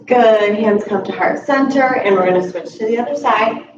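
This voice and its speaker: A young adult woman guiding a chair yoga class, calmly cueing each step and slowing down to hold the poses. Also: a little high. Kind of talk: guided exercise instruction. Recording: distant, roomy, dull audio with steady background noise.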